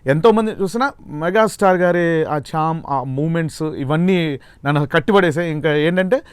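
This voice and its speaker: A man as a mimicry artist guest, soft-spoken and hesitant, chatting casually in an interview. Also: on the high side, normal speed, smooth, no echo.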